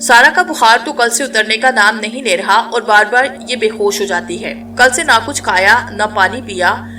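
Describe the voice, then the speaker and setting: A woman's voice: fairly high pitch, normal speed, sharp tone, faint music behind. Woman doing an earnest schoolgirl friend. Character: loyal teenage schoolgirl friend.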